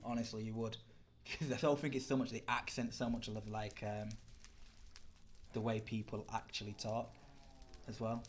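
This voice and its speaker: Young British streamer, low-pitched, rambling casual chat with viewers. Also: male voice, flat delivery, normal speed, slight background noise. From Britain. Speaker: livestreamer. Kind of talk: casual chat while gaming live.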